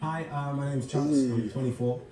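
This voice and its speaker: A man's voice: medium pitch, steady tone, normal speed, roomy sound, far from the mic, crowd noise. A man joking and delivering playful pick-up lines during a dating game. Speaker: dating show contestant. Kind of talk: banter among friends.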